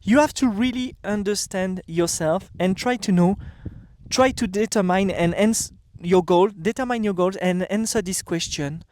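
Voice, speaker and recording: A man's voice: sits high, normal speed, a little mellow, slight background noise. A middle-aged man with a French accent giving an emphatic motivational talk, repeating phrases and speaking straight to his viewers. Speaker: vlogger and coach. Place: countryside home.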